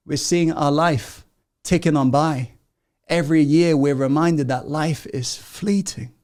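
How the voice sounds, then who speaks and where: Dramatic motivational man, high-pitched. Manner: dramatic, swings between loud emphatic and hushed intimate delivery; rhetorical questions and direct audience prompts. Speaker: motivational speaker hosting a masterclass. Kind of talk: live motivational masterclass talk.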